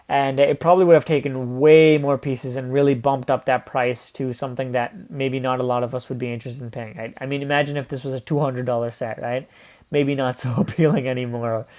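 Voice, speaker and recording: Casual male reviewer, higher-pitched, rambling and chatty with frequent filler words. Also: a little mellow. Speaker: YouTube host reviewing toy sets.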